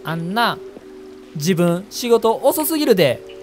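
A man's voice: high voice, very animated, slow, full character voice. A young man voicing a pushy customer who taunts in a put-on Kansai dialect, over game music. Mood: taunting. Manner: needling, taunting. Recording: game music playing behind.

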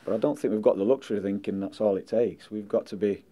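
Standing before a sponsor board indoors, a middle-aged man who manages a football team answers questions at a post-match press interview. Handheld mics are held close as he talks in a measured, blunt way with frequent "listen"s and "um"s. His pitch is fairly low and his tone dark.

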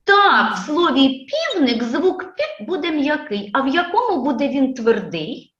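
Woman kindergarten teacher, high and lively sing-song voice, slow coaxing delivery, echoey lo-fi classroom recording. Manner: slow, drawn-out sound drills with children repeating. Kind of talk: phonics lesson for young children. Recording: echoey room, dull lo-fi sound.

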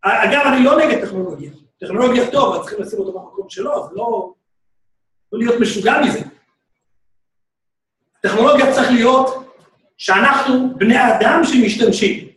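A man teaching a lively, joking Torah class as a rabbi, often shouting out exclamations. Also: extremely high pitch, long pauses. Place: synagogue hall. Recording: echoey room, speaker far from mic.

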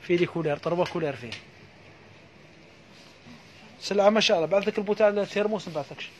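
A man with an Algerian accent giving a live sales pitch for housewares, reeling off prices in a quick patter full of repeated blessings. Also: a little hiss or hum. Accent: Algerian Arabic. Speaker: housewares shop seller.

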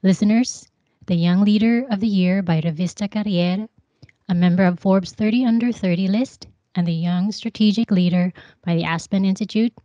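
A young woman from the Philippines hosting an interview over a video call, friendly and quick to laugh. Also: mid-range voice, warm tone, no room sound. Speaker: podcast host. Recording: dry, dull lo-fi call audio.

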